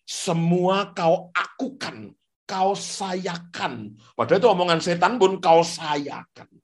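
A male pastor preaching a sermon on the radio in an animated way, repeating phrases for emphasis. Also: high voice, takes it slowly, breathy edge. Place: radio studio.

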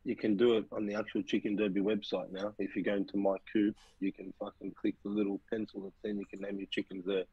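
A man, a podcast guest, excitable and swearing in casual chat. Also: lowish voice, fast, hardly any pauses, breathy edge, narrow, tinny audio.

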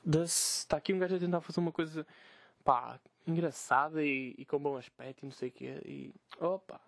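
Fast, swearing young Portuguese man. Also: on the high side, vocal fry. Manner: swearing, animated, mocking quoted voices. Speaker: podcast host. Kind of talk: casual solo podcast rant. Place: bedroom.

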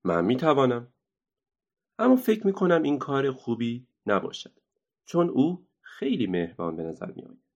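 A man's voice: medium pitch, big pitch swings, darkish tone, highs cut off, pitched above the performer's own voice. A man doing a bold cheeky little girl. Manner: cheeky and friendly. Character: bold cheerful young girl, unbelievably strong.

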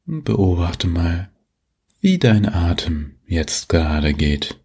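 Male sleep-meditation narrator. Very slow, deep, soft husky tone, gentle pauses. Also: big pitch swings. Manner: soothing, gentle, unhurried, with long pauses. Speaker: meditation guide, host.

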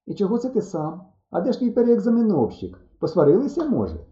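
A man voicing a teasing, lively village girl in an audiobook. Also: high-pitched, fast talker, reverberant, muffled recording, pitched above the performer's own voice.

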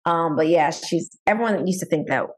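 A woman in her forties, a lawyer talking through her background in a relaxed, thoughtful way with many pauses. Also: on the low side, slightly rough. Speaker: guest, entertainment lawyer. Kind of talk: casual interview talk.

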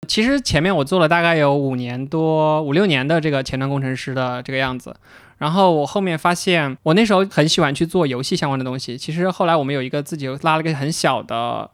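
Brief: male podcast co-host, thoughtful and personal, a bit high-pitched, dry sound. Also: no room sound. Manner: reflective, storytelling, some repeated words. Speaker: podcast co-host, interaction designer. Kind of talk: casual chat.

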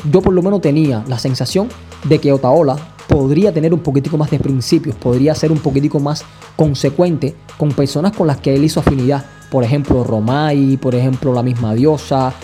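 A man hosting a podcast, giving measured, analytical commentary and often checking in with the listener. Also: fairly high pitch, mellow. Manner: measured, analytical, often asks "you know?". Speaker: podcast host. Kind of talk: opinion commentary.

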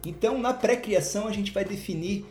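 A man's voice: high voice, a little fast, a little mellow, faint music behind. Upbeat man hosting a podcast, roomy sound. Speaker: podcast host. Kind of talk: casual podcast chat. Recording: roomy echo.

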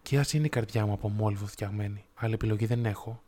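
A man voicing a sorrowful male prince statue, speaking in a low, soft, musical voice. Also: lightly acted.

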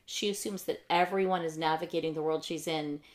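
A woman in her thirties co-hosting a casual podcast chat about books, enthusiastic and chatty with quick asides. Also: low-pitched, steady tone. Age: 30s. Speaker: podcast co-host.

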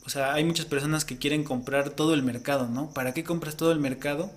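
A man's voice: fairly high pitch, steady tone, quick pace. A man co-hosting a casual podcast, explaining at length and often ending points with a questioning tag. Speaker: podcast co-host.

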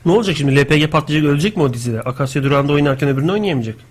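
A man co-hosts a live radio show and rattles through stories at a fast clip. His voice sits a little high, and he jokes and banters. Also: lively intonation, husky. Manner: rapid, joking banter with impressions. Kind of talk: casual live radio chat.

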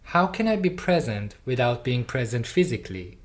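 An Iranian artist and doctoral researcher, whose language is Farsi, gives a steady, thoughtful lecture performance in English. The delivery is earnest and personal, pitched in the middle range, at a moderate pace.

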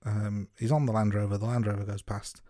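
A man co-hosting a podcast, giving measured, note-by-note commentary on a film. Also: lowish voice, level tone, mellow, no echo, studio quality. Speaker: podcast co-host. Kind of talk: casual film review chat.

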